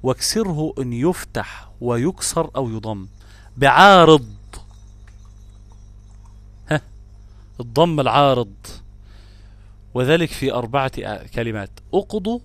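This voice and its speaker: A man's voice: mid-range voice, lively intonation, unhurried, pauses often, a bit bright, dry recording. A man with an Egyptian Arabic accent teaching tajweed, stressing example words and asking and answering his own questions. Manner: switches between classical Arabic and colloquial asides. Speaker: Quran recitation teacher. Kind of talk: tajweed lesson explaining grammar rules.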